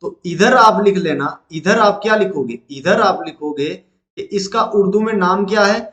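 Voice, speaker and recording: A man's voice: high voice, unhurried, a bit bright, reverberant. A man teaching a class, patiently repeating each point and quizzing his students. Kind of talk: classroom lesson.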